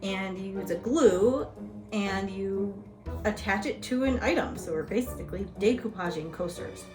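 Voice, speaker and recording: A woman's voice: mid-range voice, moderate pace. A woman hosting a spooky craft tutorial in a playful, conversational horror-host manner. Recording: music playing behind the voice. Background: music.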